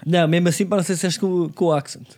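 Quick-talking portuguese guy, high voice, keeps arguing his point. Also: fairly even intonation, a little mellow. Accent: European Portuguese. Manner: chatty, argumentative. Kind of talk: casual chat.

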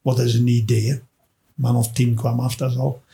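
A man from England, a stand-up comedian chatting casually and telling stage anecdotes in an animated way. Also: mid-range voice, moderate pace, creaky. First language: English. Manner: animated storyteller, tags lines with "hè".

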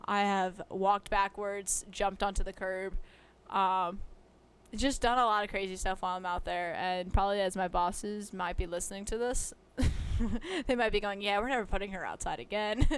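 A young woman who works a fast-food drive-thru, chatting casually about customers, laughing often and filling pauses with um and like. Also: mid-range voice, smooth. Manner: giggly, chatty, full of fillers. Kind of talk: casual storytelling.

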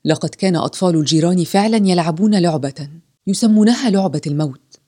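Woman narrator, breathy voice, solemn measured storytelling, scripted reading. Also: fairly low pitch, warm tone.

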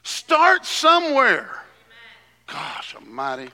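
A man preaching a sermon at a pulpit microphone, swinging between soft teaching and loud shouting. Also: high-pitched, huge pitch swings, slow. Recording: long hall reverb.

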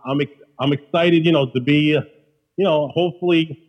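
A man with a strong-minded, repetitive way of chatting in a Queens accent. His voice sits a bit high and is slightly husky. He speaks casually, circling back to restate his points, and the audio is a little dull. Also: fairly quick. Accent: Queens, New York. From Queens, New York. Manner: emphatic, repeats himself, peppers talk with "you know". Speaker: podcast guest, restaurateur. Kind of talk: casual conversation.

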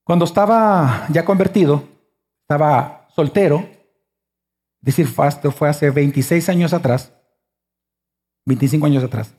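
A man's voice: on the high side, moderate pace, pauses often, darkish tone. A pastor in his forties preaching a sermon, emphatic and full of rhetorical questions to the congregation.

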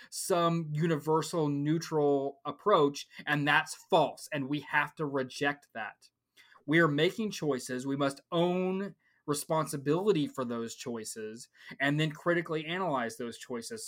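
A man's voice: fairly high pitch, fairly bright tone. A man in a casual discussion of a research paper, who speaks in an emphatic and reflective way.

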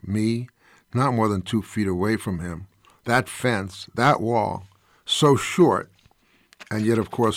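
A man's voice: fairly low pitch, no room sound, clean studio sound. An older man reading his own personal essay aloud, telling a story in an impassioned, indignant way.

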